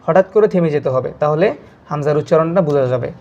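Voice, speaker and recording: A man's voice: on the high side, darkish tone, highs cut off. Man teaching syllable-by-syllable recitation. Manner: slow syllable drills, then quick explaining asides. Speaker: Quran reading teacher. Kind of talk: spelling-out recitation lesson.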